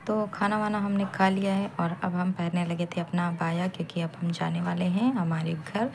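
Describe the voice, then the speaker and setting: A woman's voice: fairly low pitch, steady tone, normal speed, vocal fry, slight background noise. A young woman narrating a casual home vlog, chatty and homely, talking straight to her viewers. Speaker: vlogger.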